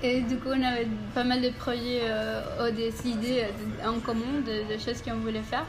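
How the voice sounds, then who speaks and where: A woman, answering in a casual interview in halting, repeated phrases. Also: on the high side, level tone, over music. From Venezuela. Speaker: illustrator interviewee.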